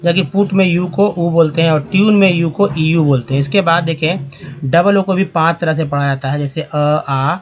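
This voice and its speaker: Slow-drilling male teacher. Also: a little high, muffled recording. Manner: slow, repeats each word aloud. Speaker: English teacher. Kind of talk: language lesson explaining pronunciation.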